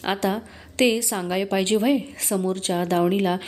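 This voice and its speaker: A woman's voice: mid-range voice, steady tone, moderate pace, a little mellow, lightly acted. Woman reading as an old village farmer. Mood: pleading. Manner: rustic village speech, earnest and pleading. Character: elderly male village farmer, humble, grieving, proud of his son. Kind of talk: audiobook reading of a historical novel.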